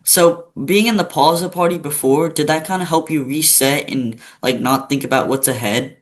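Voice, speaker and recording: A man's voice: on the high side, normal speed. A male interview host asking short, plain questions in a casual way.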